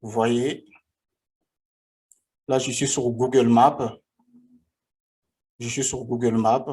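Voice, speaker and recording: A man in his forties from the Republic of the Congo, speaking. He tells his own life story in a vlog, halting often and repeating himself. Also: medium pitch, level tone, darkish tone. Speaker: vlogger.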